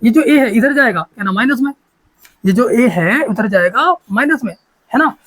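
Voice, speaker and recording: A man's voice: very high-pitched, lively intonation, moderate pace, fairly bright tone, poor audio. A man teaching a maths lesson, talking in a repetitive, coaxing way and often checking that students follow.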